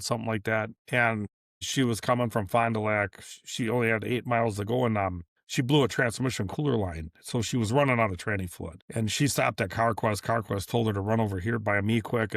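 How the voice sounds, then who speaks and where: Low-voiced man telling a shop story. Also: dry recording, clean studio sound. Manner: rambling, repeats and restarts, acts out dialogue. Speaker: business owner guest. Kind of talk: casual storytelling interview.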